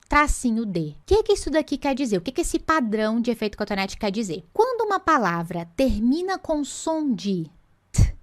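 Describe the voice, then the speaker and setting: A woman teaching English in an online lesson. She explains patiently and drags out the English example phrases to show how they are pronounced. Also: on the high side.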